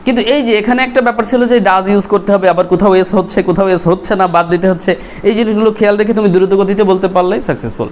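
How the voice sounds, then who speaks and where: Classroom teacher, mid-pitched, drills and spells vocabulary, faint room hum. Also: fairly even intonation, fast, a little mellow. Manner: spells words out letter by letter and quizzes students.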